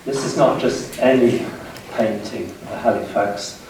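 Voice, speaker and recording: A British guest lecturer in his sixties, from west of London, gives a public history talk in an indoor seminar room, measured and pausing between short phrases. His voice is lowish. The room is very echoey, with a distant mic and faint noise.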